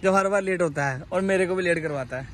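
A man's voice: high voice, fast. A man in his thirties, a vlogger, chatting and teasing his friends while driving on a road trip. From Jammu, India. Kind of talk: casual road-trip vlog chat. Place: inside a car on a road. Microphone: camera on the dashboard. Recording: distant car mic with loud road noise. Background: car and traffic noise.

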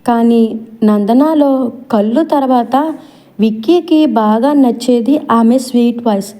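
A woman's voice: on the high side, measured pace, dark tone. A woman reading a romance audiobook as narrator, in a poetic, emotive storytelling manner.

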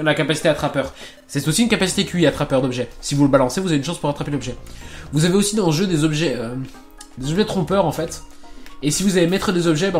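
A man's voice: fairly high pitch, a little mellow. A man casually commenting on a video game he is playing, rambling with lots of fillers, restarts and swearing. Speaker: gaming channel host. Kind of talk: casual let's play commentary.

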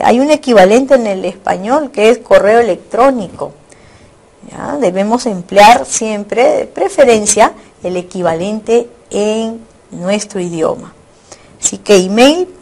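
Her voice is creaky and somewhat dark, sitting at an ordinary middle pitch, as she teaches a recorded online lesson. Each point gets explained step by step and then restated differently, with quick tag questions to make sure the students follow.

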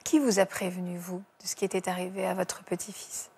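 Soft-spoken breathy woman host. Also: fairly low pitch, level tone, fairly quick. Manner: gentle, probing questions. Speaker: TV talk show host. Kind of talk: studio interview questions.

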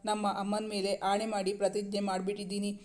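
Woman voicing middle-aged father, caring, remorseful, measured, monotone storybook voice. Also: mid-range voice, natural voice. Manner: measured, heavy-hearted speech.

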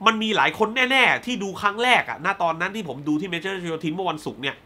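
A male film reviewer with a bright, forward voice talks through a film in a loose, spoiler-heavy way. He is blunt and fired up and swears freely before apologizing. He slips into quick acted-out lines of dialogue while he recaps scenes. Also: high-pitched, expressive. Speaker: movie reviewer.

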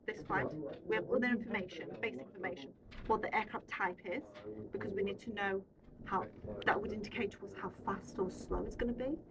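Here a young woman air traffic controller talks informally to a visiting group in an indoor radar control room, frequently checking with tag questions that they understand. She speaks briskly at medium pitch. The handheld camera picking her up sits a short distance off, leaving her distant amid loud room noise.

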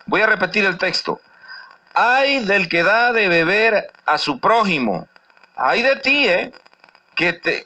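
A man's voice: high-pitched, sharp tone. A man preaching a sermon, warning his listeners and tagging his sentences with little questions. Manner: admonishing, with constant tag questions.

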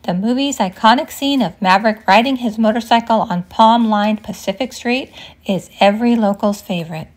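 A woman's voice: fairly high pitch, moderate pace. A woman vlogger chatting casually on a beach outing and narrating a tour of an old cottage. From California. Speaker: vlogger, co-host. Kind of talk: casual chat and read narration.

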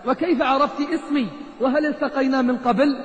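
A man's voice: extremely high pitch, fairly even intonation, a little fast. A male preacher voicing a kind young woman doctor who speaks in disbelief. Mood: astonished. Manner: astonished, disbelieving. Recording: echoey hall.

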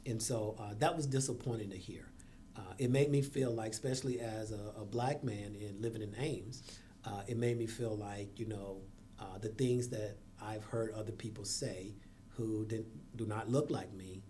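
A man's voice: lowish voice, fairly even intonation, normal speed, dark tone, slight background noise. A man speaking as a guest on a school district podcast, earnest, with sarcastic asides. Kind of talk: podcast conversation.

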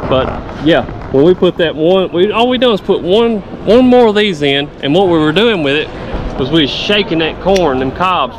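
A man, a farmer vlogging casually and plain-spoken at a trade show, filmed close up. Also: mid-range voice. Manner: folksy, plain-spoken, enthusiastic. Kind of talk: casual walk-and-talk vlog. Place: large indoor trade show hall. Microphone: handheld camera close to face. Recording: noisy trade show floor. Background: crowd chatter and hall noise.

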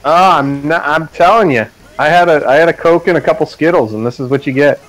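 A man doing excited casual commentary on a fighting game match, often breaking into loud hype chants. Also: on the high side, fairly quick, low-quality recording.

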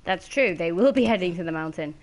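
Lively, chatty woman streamer. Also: on the low side, fast talker. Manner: chatty, greets chat by name, laughs easily. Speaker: game streamer. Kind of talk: casual chat while streaming a game.

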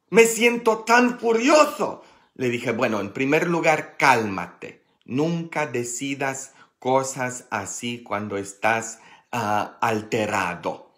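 A man preaching a sermon as a priest. He tells the story slowly, with many fillers and tag questions, and voices the people in it with sudden loud, high outbursts. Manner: animated, acts out quoted people with sharp rises in pitch and loudness.

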